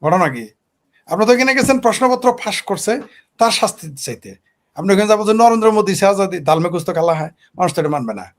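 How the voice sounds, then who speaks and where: A man's voice: sits high, animated, fast talker. A man from Bangladesh with a Bangladeshi Bengali accent, giving heated political commentary on a talk show and firing off rhetorical questions. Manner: combative, fires rhetorical questions.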